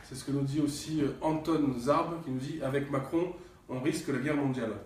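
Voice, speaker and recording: A man's voice: medium pitch, steady tone, fairly quick, darkish tone. Male stream host in a very echoey room. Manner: reads viewer comments aloud. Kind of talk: live stream moderation. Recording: distant echoey room sound.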